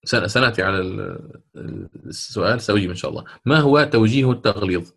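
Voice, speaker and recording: A man teaching Quran recitation rules. He explains them step by step, drawing out the recited examples slowly and often checking with his students. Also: fairly low pitch, animated, gravelly, fairly bright tone. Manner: slow, drawn-out recitation of examples between plain explanation; asks check questions of students. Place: lesson recorded for an online institute.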